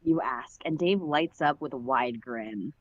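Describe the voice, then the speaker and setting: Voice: mid-range voice, unhurried, no room sound, dull audio. A livestream host reading a fan-written story aloud in a casual narrating manner with asides. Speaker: story reader.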